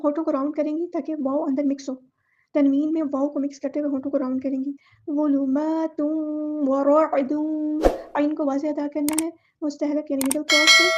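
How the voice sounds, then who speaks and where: A woman teaching a word-by-word tajweed lesson, explaining each letter patiently and then reciting the words slowly. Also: high voice, muffled recording.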